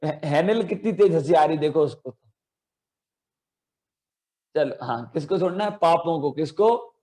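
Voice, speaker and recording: A man teaching a children's religion class over a video call, calling on children by name and chanting verses slowly for them to repeat. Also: a little high, lively intonation, mellow.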